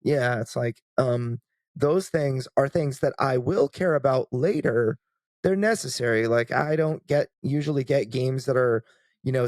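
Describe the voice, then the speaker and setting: A man co-hosting a casual podcast, working through his ideas out loud with many ums and restarts. His voice sits at an everyday middle pitch. The sound is dry and close, with no room around it. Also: no room sound. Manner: rambling, thinking aloud with many fillers. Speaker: podcast co-host.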